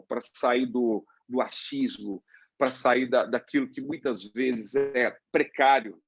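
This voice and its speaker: A man's voice: medium pitch, slightly rough, no echo, lo-fi sound. A man with a Brazilian accent giving an informal webinar lecture, chatty and full of tag questions. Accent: Brazilian Portuguese. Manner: conversational, many fillers and tag questions. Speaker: webinar presenter. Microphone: webinar computer mic.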